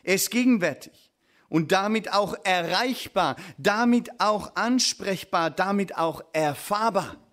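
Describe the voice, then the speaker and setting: A preacher delivering a sermon. His voice sits a little high for a man. He reads scripture in a slow, weighty way and then turns to his listeners with relaxed, conversational explanations.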